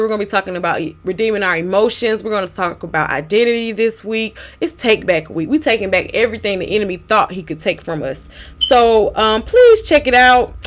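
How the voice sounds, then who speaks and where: Encouraging woman hosting a faith podcast. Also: on the high side. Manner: encouraging, exhortative. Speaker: podcast host. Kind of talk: casual faith podcast talk, devotional encouragement.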